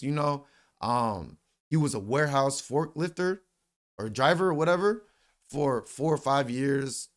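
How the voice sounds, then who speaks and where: A man in his late twenties tells a personal story in a casual, slangy way. His voice sits at an ordinary middle pitch. He talks loosely and animatedly, with plenty of fillers and some swearing. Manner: animated retelling with voiced quotes. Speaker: vlogger.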